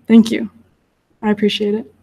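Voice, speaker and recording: A woman's voice: mid-range voice, completely flat delivery, moderate pace, gravelly, dark tone, breathy edge. A young woman from California giving a public outreach talk and answering audience questions in a friendly, apologetic way, with frequent ums. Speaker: invasive species outreach speaker.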